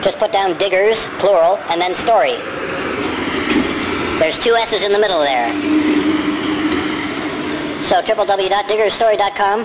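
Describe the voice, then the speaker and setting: Rambling and correcting himself again and again, a man hosts a casual podcast monologue, his voice sped up to a squeaky chipmunk pitch. He speaks a little slowly, leaving long pauses. Constant street and traffic sounds run under everything.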